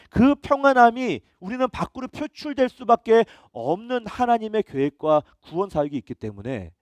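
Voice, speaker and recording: Male pastor, middle-aged, emphatic sermon delivery, high and animated, dry close recording. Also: no room sound. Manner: emphatic preaching with rhetorical questions.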